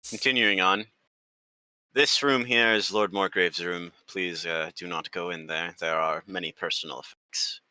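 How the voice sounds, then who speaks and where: A man narrating as game master of a tabletop game, calm and formal. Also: low-pitched, measured pace, no room sound, poor audio.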